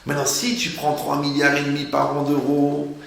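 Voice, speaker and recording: A man with a gravelly, creaky voice delivers a lively sermon with rhetorical questions and wordplay. The recording is very echoey, with a faint hum of background noise. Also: a little high, moderate pace. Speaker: rabbi giving a Torah lesson.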